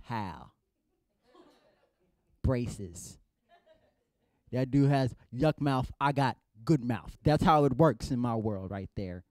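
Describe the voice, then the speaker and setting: A man's voice: mid-range voice, animated, takes it slowly, pauses often, a little mellow, no echo, clean studio sound. A young man from San Jose doing a stand-up set, playful and mock-indignant as he chats with the crowd. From San Jose, California. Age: young adult. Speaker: stand-up comedian.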